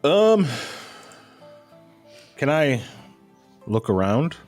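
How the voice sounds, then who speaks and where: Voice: medium pitch, sing-song, drawn-out words, a little mellow, faint music behind. A player at a tabletop game, asking hesitant, unsure questions. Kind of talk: casual chat at a tabletop game.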